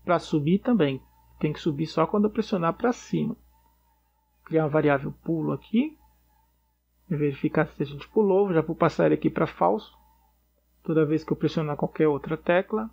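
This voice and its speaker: A man talks through a coding tutorial in a relaxed, step-by-step way, often checking in with the listener. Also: on the high side, moderate pace, vocal fry, slightly rough, muffled recording. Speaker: programming tutor. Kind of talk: casual screencast coding tutorial.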